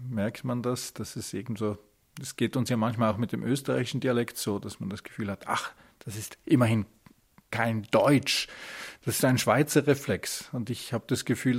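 A man from Switzerland hosting an interview, asking measured, probing questions. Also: medium pitch, husky. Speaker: interviewer, host. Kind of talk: radio interview.

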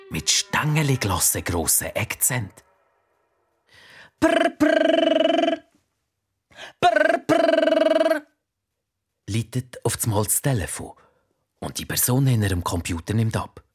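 A man narrating a children's audiobook, slow and expressive. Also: lowish voice, breathy edge. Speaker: storyteller.

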